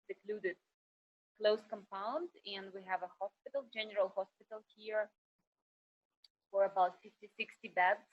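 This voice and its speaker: A middle-aged woman from Kazakhstan, a doctor speaking over a video call, halting and searching for words with many fillers. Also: mid-range voice. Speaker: emergency doctor, guest. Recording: dull, lo-fi internet call audio.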